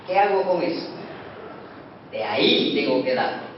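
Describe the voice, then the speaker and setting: A man preaching a sermon as pastor, swinging between loud emphatic lines and hushed ones. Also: on the high side, animated, measured pace. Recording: echoey hall from far off, dull and noisy.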